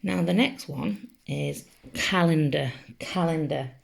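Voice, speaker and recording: Woman teacher, low gravelly voice, slow patient spelling lesson. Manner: slow, patient, sounding out letters one by one. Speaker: primary school teacher.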